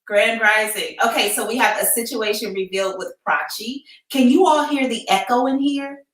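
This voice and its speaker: An echoey, distant recording of an American woman with a bright voice. She chats informally and candidly as a live-stream psychic host, using slangy phrasing in what sounds like an empty room. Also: on the high side, normal speed. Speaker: psychic reader hosting a live advice show. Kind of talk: casual live-stream chat. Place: emptied-out room indoors.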